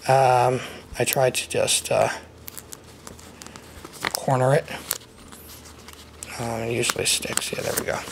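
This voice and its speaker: A man with a slight lisp from wearing a retainer, giving a casual, off-the-cuff hands-on tutorial. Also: mid-range voice. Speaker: trading card hobbyist giving a how-to. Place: indoor room at a desk. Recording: noticeable background noise, handling clicks.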